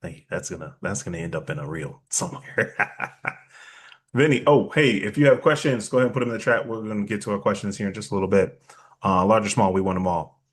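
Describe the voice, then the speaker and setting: A man's voice: lowish voice, fairly quick. A man hosting an interview, asking questions in an upbeat, playful way. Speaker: host. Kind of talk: interview host.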